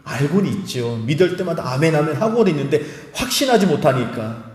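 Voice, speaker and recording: A male pastor preaching a sermon in a large church hall, his voice swinging widely from low to high. He fires questions straight at the congregation with fervent conviction. His words ring out with a long, echoing church reverb. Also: lively intonation, a little fast, a little mellow. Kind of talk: sermon at a Friday prayer meeting.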